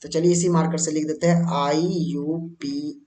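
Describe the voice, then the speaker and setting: An Indian man teaches a board-exam chemistry lesson at a whiteboard, chatting away and repeatedly asking his students questions that he then answers himself. His warm voice is on the high side, with little pitch movement and a normal speed. The room is reverberant.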